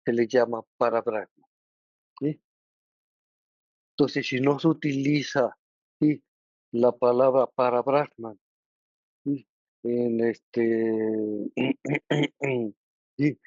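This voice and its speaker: A man with a Mexican Spanish accent teaching a study group, halting and often pausing to check that listeners follow. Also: mid-range voice, fairly even intonation, a little mellow, dry recording. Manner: checks understanding with frequent tag questions; halting, with many restarts and filler words. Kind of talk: explanatory lesson. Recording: dull, lo-fi recording.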